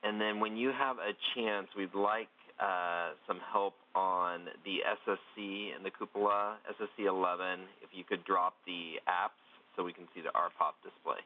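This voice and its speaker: A man's voice: sits low, fairly even intonation, normal speed, a little hiss or hum. A male capcom making procedural calls over the space-to-ground radio, with hesitant fillers. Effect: space-to-ground radio link, thin and band-limited. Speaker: capcom in mission control. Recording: tinny phone-like radio line.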